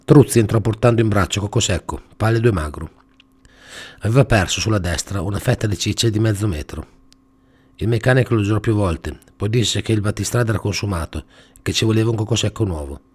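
A man hosting a show, reading a comic story aloud in a dry, even manner. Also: on the low side, a little fast, breathy edge. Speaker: storyteller host.

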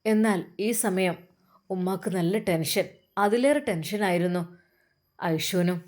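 A woman tells an emotional family story in an earnest, steady way. She opens with a religious greeting and narrates at an even pace. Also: on the low side, unhurried.

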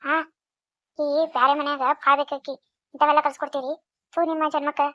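A woman voicing a defiant, sharp-tongued middle-aged village wife in a cartoon, with a North Karnataka Kannada accent. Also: high-pitched, level tone, brisk, no echo, lightly acted. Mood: scolding. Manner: defiant, scolding. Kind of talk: cartoon voice acting. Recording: dull lo-fi recording.

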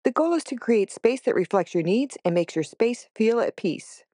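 A woman in her thirties narrating a home decluttering vlog in a calm, steady voice-over. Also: fairly high pitch, moderate pace, no room sound, studio quality. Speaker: home organizing vlogger.

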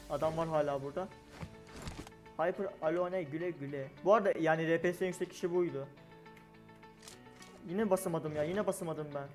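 A young man giving live commentary on his own gameplay, excitable and talking to himself and his opponents. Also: fairly high pitch. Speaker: gaming streamer. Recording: game music and gunfire behind. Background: game music and gunshots.

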